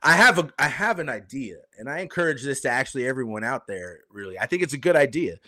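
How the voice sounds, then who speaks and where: A man's voice: medium pitch, sing-song, quick pace, pushed and bright, no room sound, studio quality. A young man co-hosting a podcast in laid-back, slangy casual chat. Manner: laid-back slangy banter, says bro and dude. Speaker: podcast co-host.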